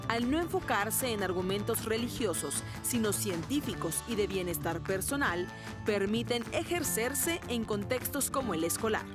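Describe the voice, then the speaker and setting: A woman narrating a news report in a formal, even read-aloud delivery. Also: medium pitch, a little fast. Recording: voice-over over loud music bed.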